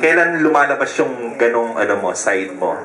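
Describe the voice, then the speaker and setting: A man's voice: medium pitch, lively intonation. A male reporter with a Filipino accent keeps pressing with question after question. His voice sits mid-range, carried in an echoing hall. A crowd murmurs around him. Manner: probing, rapid-fire questions mixing Filipino and English. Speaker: entertainment reporter. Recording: roomy hall with crowd noise.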